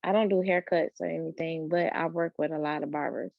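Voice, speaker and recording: Gravelly-voiced woman from Chicago, dull audio. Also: deep voice, brisk, dry recording. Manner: relaxed, reflective, hesitant. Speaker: guest, loctician. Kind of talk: casual interview.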